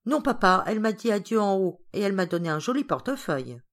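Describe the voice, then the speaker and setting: A woman voicing an excitable, somewhat spoiled young boy in an audiobook, raising her voice. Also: mid-range voice, quick pace, natural voice. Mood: eager.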